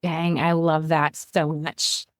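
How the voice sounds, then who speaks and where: A woman hosting a casual faith podcast, enthusiastic and chatty and quick to laugh. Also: low-pitched, level tone, no room sound, studio quality. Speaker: podcast host.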